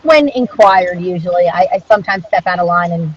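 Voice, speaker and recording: A woman's voice: fairly low pitch, fairly quick, breathy edge. A woman speaking as an interviewed dog trainer in a casual conversational style, earnest and reflective in an informal way. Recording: dull, muffled lo-fi audio.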